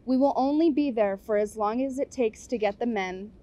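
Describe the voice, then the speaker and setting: A woman's voice: on the high side, normal speed, dark tone, highs cut off, natural voice. A woman voicing a determined young village woman who leads her friends, speaking in an earnest, rallying way.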